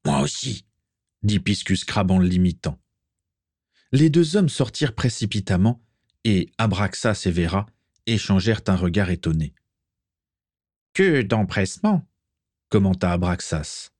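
A man reading a story aloud in steady, measured narration. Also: low-pitched, no echo, clean studio sound. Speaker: reader.

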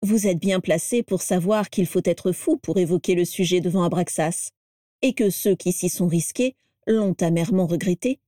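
A mischievous witch speaks in a mellow, low-lit tone, amused and sure of herself, as a woman narrator voices her. The delivery is close and dry, with no room sound. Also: normal speed, dry recording, lightly acted. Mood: sly. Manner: sly, amused, confident.

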